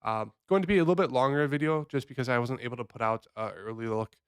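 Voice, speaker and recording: A man's voice: mid-range voice, fast talker, clean tone, no echo, studio quality. A man who sounds sick, hosting a casual fantasy football picks breakdown in a loose, rambling, conversational way. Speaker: fantasy sports host.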